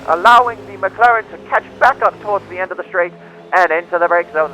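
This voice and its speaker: A man's voice: high voice, bright, forceful tone, a little hiss or hum, rough recording. A man putting on a theatrical 1950s announcer voice for dramatic play-by-play motorsport commentary in a racing game. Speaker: race commentator.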